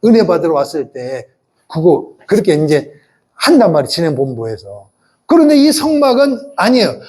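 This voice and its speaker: Lively high-voiced male pastor preaching. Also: moderate pace. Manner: animated preaching with rhetorical questions and call-and-response. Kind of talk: sermon.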